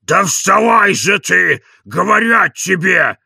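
A man's voice: mid-range voice, takes it slowly, creaky, pushed and bright, slightly rough, no echo, clean studio sound, heavily acted. A man voicing an old, stubborn manservant who scolds and coaxes in a folksy way. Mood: grumbling.

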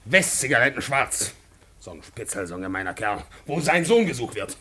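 A hot-tempered middle-aged pub-owner dad, husky, wildly rising and falling voice. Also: male voice, mid-range voice, very animated, moderate pace, bright, forceful tone, slight background noise. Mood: indignant. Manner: bellowing, furious outbursts. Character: angry communist pub-owner father. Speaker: father. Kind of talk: radio drama acting.

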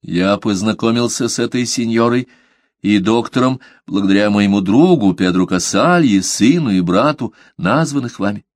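A devout merchant, read by a man in an audiobook, answering questions with polite, measured calm and quiet firmness. The voice is lowish and the sound dry and close. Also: no room sound, natural voice. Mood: composed. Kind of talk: audiobook character reading.

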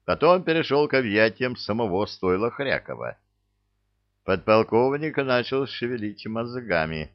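A man narrating an audiobook in a lively, expressive reading. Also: mid-range voice, a little slow. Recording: dull lo-fi audio.

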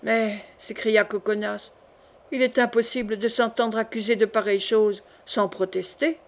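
A woman reading the part of a hot-tempered young male gentleman in an audiobook, indignant and blustering. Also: medium pitch, steady tone, moderate pace, close to an everyday voice.

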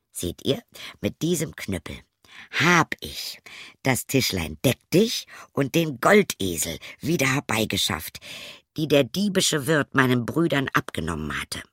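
A man's voice: mid-range voice, fairly bright tone, no echo, studio quality. A man voicing a bold, proud young craftsman in a fairy tale, speaking raised and emphatic.

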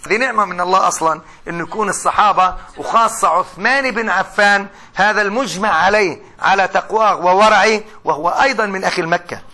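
A man's voice: high-pitched, fast, pushed and bright. A man giving a classroom lecture on the Quran, explaining through rhetorical questions and drawing out recited words.

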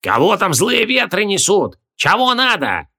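A man's voice: sits high, huge pitch swings, unhurried, pushed and bright, breathy edge, pitched above the performer's own voice, heavily acted. Man doing a fretful old rustic innkeeper. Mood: gruff shouting. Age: 60s. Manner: rustic folksy speech, fretful whining. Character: old grumbling rustic male innkeeper, fearful.

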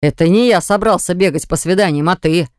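A reader voicing a jealous, hot-tempered man who growls and hisses his words, lower than the narration, in an audiobook. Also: brisk, smooth, no room sound, studio quality, close to an everyday voice. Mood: furious. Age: adult. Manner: growling, hissing through teeth. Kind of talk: audiobook acting.

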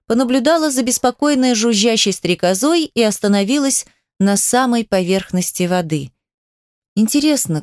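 A woman reading a novel aloud as the narrator, steady first-person storytelling. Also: a little high, no room sound, studio quality. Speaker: audiobook narrator. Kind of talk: scripted narration.

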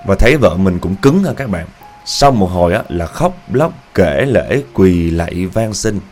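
A man's voice: low-pitched, a little slow, faint music behind. A man telling a horror story to viewers in a casual, emphatic way. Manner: animated, emphatic repetition.

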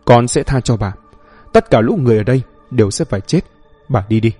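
A man's voice: mid-range voice, lively intonation, brisk, dark tone, husky, no echo, soft background music. A man voicing a vengeful young female ghost who speaks in a bitter, accusing way. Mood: cold.

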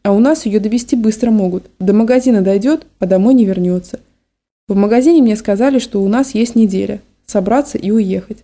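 A woman narrating a story in a calm, measured reading. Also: mid-range voice. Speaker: audiobook narrator.

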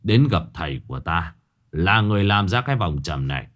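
A man voicing a stern middle-aged stepfather who knows about spirits, speaking gravely and quietly. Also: very animated, brisk. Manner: grave, low and hushed.

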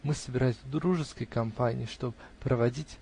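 A man's voice: mid-range voice, a little fast, gravelly, mellow, slight background noise, close to an everyday voice. A man voicing a serious, rude acquaintance who speaks bluntly and reproachfully. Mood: rebuking.

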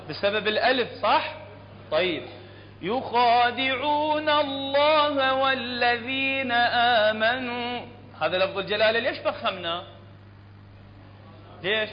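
A man with an Iraqi accent teaching Quran recitation in a classroom lesson, explaining step by step and often checking that it is clear. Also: high-pitched. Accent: Iraqi Arabic. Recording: echoey hall, dull lo-fi sound, faint room noise.

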